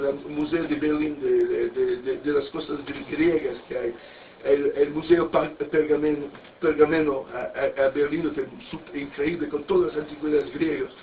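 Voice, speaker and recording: High-voiced man on a distant tinny recording. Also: fairly even intonation, moderate pace. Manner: rambling and anecdotal, with many restarts and crude words. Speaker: speaker at a parody mass. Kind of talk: informal sermon-like talk. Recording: distant, tinny, faint background noise.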